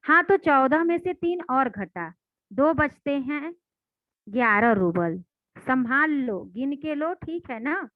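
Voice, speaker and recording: Brief: stern cheating homeowner who shouts at his governess, read aloud by a woman teacher, higher pitch, dry phone-line recording. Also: expressive, slow pace, no echo. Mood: stern, scolding. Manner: harsh, scolding, loud. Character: stern scheming male homeowner, scolding. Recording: dry, tinny phone-like sound.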